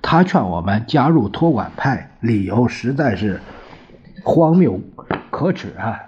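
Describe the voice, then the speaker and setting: A man's voice: medium pitch, big pitch swings, measured pace, husky. A man voicing an indignant, exasperated male newspaperman, on a dull lo-fi recording.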